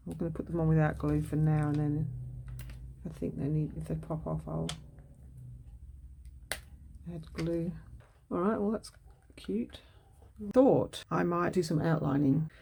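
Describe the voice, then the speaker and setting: Gravelly, mellow-voiced woman crafting. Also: deep voice, a little hiss or hum. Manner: muses aloud while working, self-correcting. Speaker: craft video host. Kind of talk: casual crafting narration.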